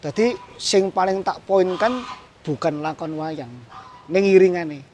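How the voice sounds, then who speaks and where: This man's voice sits high and moves a little slowly over a faint hiss or hum. He's a guest puppeteer from Central Java, Indonesia, with a Javanese accent, chatting casually in mixed Javanese and Indonesian and laughing softly often.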